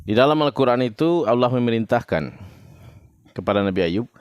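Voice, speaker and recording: A man's voice: medium pitch, animated, a little fast, clear, resonant tone, no room sound, clean studio sound. A man from West Sumatra giving an informal religious talk to camera. He explains plainly and unhurriedly, sometimes searching for words. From West Sumatra, Indonesia. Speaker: religious video teacher.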